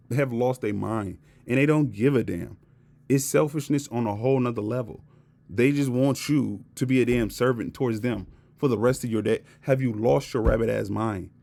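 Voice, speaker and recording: Man, gravelly voice, mid pitch, blunt profane rant, emphatic and repetitive. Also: darkish tone. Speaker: vlogger. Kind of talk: casual unscripted rant.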